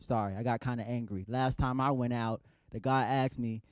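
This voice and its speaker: A young adult stand-up comedian from San Jose, California, jokes with the crowd in a playful, mock-indignant way. His mid-range voice has fairly even intonation, a normal speed and a smooth quality. The recording is dry and studio-quality.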